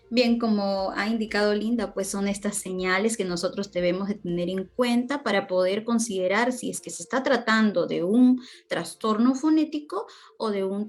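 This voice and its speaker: A woman giving a group class presentation, speaking deliberately and drawing out her examples. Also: mid-range voice, darkish tone. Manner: slow, deliberate, drawn-out examples. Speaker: student presenter.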